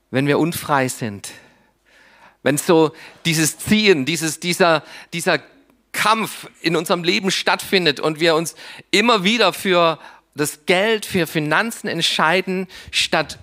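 Male preacher, slightly high voice, unhurried pulpit delivery, soft low drops for emphasis. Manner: deliberate, with long pauses and sudden drops to a soft, low voice for emphasis. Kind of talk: sermon.

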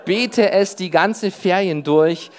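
Male preacher, family man, youth sermon, punchy and direct, peppered with "hey", sinks his voice low for inner thoughts. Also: slow pace. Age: adult with wife and children. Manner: emphatic, often breaks in with "hey". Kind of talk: sermon to young people.

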